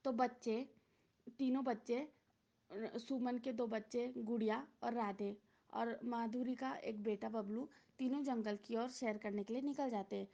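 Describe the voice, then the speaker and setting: A woman tells a story in a loose, informal way, repeating herself and filling her pauses. Her voice is mellow and sits a little high. The recording sounds dull and lo-fi. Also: steady tone, vocal fry. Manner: informal, repetitive narration with many fillers. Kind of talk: casual spoken storytelling.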